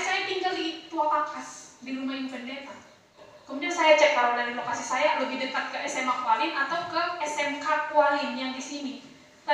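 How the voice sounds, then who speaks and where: A woman preaching emphatically to school students, exhorting them and leading a quiet prayer. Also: high voice, slight background noise. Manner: emphatic, exhorting, then soft altar-call prayer. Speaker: guest preacher. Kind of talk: sermon to students. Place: school hall. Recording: echoey hall from far off.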